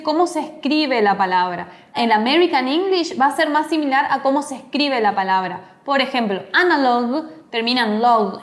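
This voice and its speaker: A woman teaching an online English lesson, explaining step by step and modeling words aloud. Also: fairly high pitch. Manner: explains slowly, demonstrates English pronunciation.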